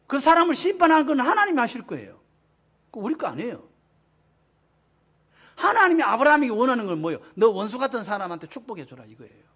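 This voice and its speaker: Pastor guy preaching, real high voice that jumps around a lot, keeps asking the congregation stuff. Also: a bit bright. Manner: emphatic, asks the congregation questions, acts out quotes. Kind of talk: sermon.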